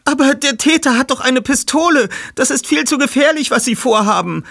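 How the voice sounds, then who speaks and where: Ein Mann spielt eine nervöse junge Frau mit gewagtem Hut. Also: male voice, very high voice, fairly quick, creaky, a bit bright, dry recording, studio quality, pitched above the performer's own voice, heavily acted. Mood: nervous. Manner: anxious, pleading. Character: nervous young woman in a daring hat.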